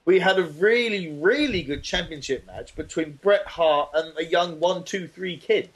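A man in casual podcast chat, with a voice pitched a little above most men's. He rambles and jokes, often restarting his sentences. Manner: rambling, jokey, halting restarts. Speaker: podcast co-host.

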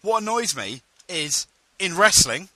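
A man's voice: sits high, sing-song, measured pace, bright, forceful tone, dry recording. A man hosting a podcast, chatting eagerly and laughing easily, often stumbling over how his sentences start. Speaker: podcast host. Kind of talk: casual chat.

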